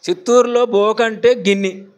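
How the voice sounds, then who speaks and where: Pastor guy with a visakhapatnam accent, fairly high voice, preaching to a church and asking them stuff. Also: steady tone, normal speed. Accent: Visakhapatnam Telugu. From Andhra Pradesh, India. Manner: conversational preaching, asks the congregation questions. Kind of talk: sermon.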